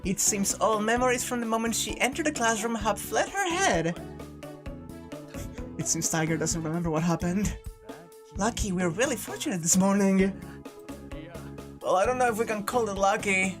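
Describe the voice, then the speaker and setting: A woman's voice: mid-range voice, normal speed, long pauses, music in the background. A woman streaming a visual novel, narrating it aloud and breaking into amused, sweary casual commentary.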